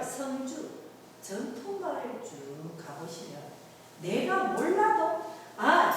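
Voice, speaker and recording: A woman's voice: on the high side, noisy background. Middle-aged woman lecturing, voice swings up and down a lot, far off in a big echoey hall. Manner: lively, asks the audience questions. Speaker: tour guide giving a lecture. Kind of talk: humanities lecture to an audience.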